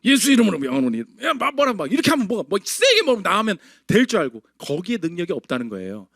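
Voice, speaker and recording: Pastor guy preaching, high voice that swings up and down a lot, keeps asking the crowd questions. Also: huge pitch swings, quick pace, a bit bright, dry recording, clean studio sound. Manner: conversational, rhetorical questions to the congregation. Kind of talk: sermon.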